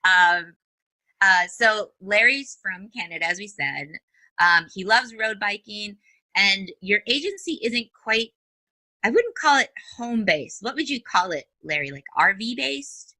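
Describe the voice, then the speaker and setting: A woman's voice: mid-range voice, expressive, a little slow, pushed and bright, no echo, rough recording. A woman podcast host with a Minnesotan accent, upbeat and chatty, laughing easily as she interviews a guest.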